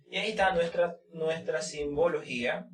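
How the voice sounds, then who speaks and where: A man's voice: on the high side, far from the mic. Echoey man explaining at length. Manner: explains slowly with many fillers, repeating English words. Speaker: English pronunciation teacher. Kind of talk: informal spoken lesson.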